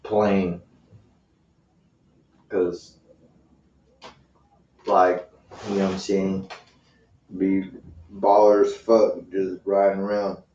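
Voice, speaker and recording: A young man chats easily on a podcast, full of slang, in a fairly low voice. He sits away from the mic in a reverberant room, and the sound is dull and lo-fi with a faint hiss. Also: level tone, extremely slow, long pauses, dark tone, recorded from a distance. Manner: easygoing, slangy. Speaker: podcast co-host. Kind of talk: casual chat.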